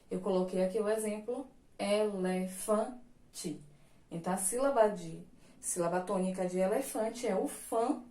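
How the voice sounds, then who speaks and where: A woman's voice: medium pitch, a little mellow. Patient woman teacher in an echoey room. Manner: patient, explanatory, checks in with frequent tags. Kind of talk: recorded online class lesson.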